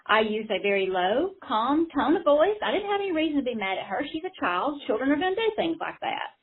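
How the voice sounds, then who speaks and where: A woman caseworker talks on the phone with a high, slightly husky voice. She explains insistently and at length, defending her handling. The sound is tinny and narrow, like a phone line. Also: very animated, brisk. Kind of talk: phone conversation.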